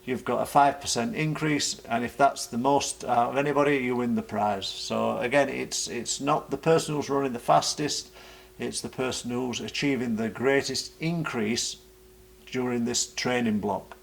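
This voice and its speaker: A British man giving an informal vlog explanation as a running coach, speaking haltingly and often repeating words. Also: mid-range voice, creaky, slight background noise.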